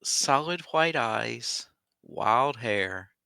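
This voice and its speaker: A man's voice: medium pitch, expressive, very slow, creaky, sharp tone, clear, resonant tone, no echo, clean studio sound. A man narrating a tabletop game as its game master.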